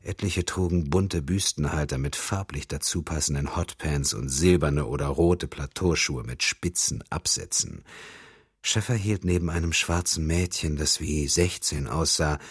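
A man narrating a crime thriller audiobook in a steady storytelling manner. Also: a bass voice, unhurried, husky, no room sound, clean studio sound.

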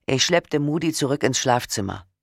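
A man reads an audiobook in a steady, measured voice of middle pitch. The sound is dry and close, with no room echo. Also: creaky. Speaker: audiobook narrator. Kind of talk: audiobook narration.

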